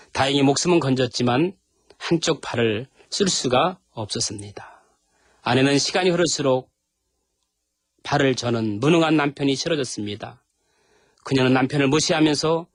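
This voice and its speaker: A man's voice: mid-range voice, no room sound, clean studio sound. A man preaching a sermon, telling stories and acting out the voices in them. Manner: animated, acts out voices in stories. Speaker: pastor. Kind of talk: sermon with storytelling.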